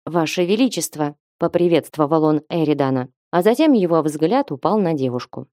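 A woman narrating an audiobook in a steady storytelling manner, recorded close to the mic. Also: deep voice, fairly quick, dry recording. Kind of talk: scripted narration.

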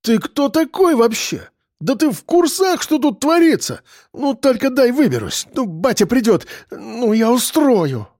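A man voicing an arrogant, spoiled young man who sneers and breaks into shrill outbursts. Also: big pitch swings, normal speed, darkish tone, no echo, clean studio sound.

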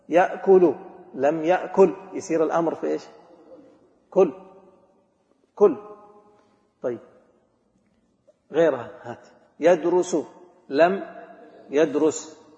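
A male grammar teacher's warm, somewhat high voice echoes through a large hall with a long reverb tail as he lectures on a grammar text, questioning students rapidly and repeating examples. He mixes formal Arabic with colloquial speech, and the recording sounds dull and lo-fi.

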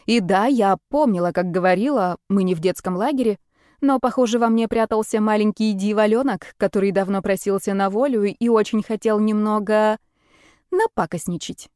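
A woman's voice: mid-range voice, normal speed, a little mellow, smooth, dry recording, clean studio sound. A woman reading a first-person story as an audiobook, with a wry, conversational manner. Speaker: narrator.

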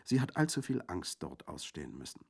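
A man voicing a cheerful young Corsican woman in a radio reading, lively and bright. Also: low voice, fairly quick, gravelly, full character voice.

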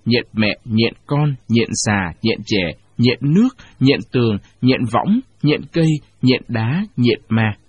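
A man with a husky voice narrating a storybook audiobook in a measured, expressive way. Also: medium pitch, dry recording. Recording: dull lo-fi recording.

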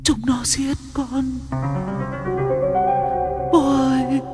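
A man voicing the ghost of a young murdered woman, calling to her father in a high, wailing plea. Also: level tone, very slow, over loud music, heavily acted. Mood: mournful wailing.

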